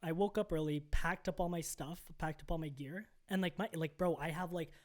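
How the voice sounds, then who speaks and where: Animated young man telling a story. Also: on the high side, a little fast. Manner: animated storyteller, heavy on "like" and "bro". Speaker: podcast co-host. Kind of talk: casual chat.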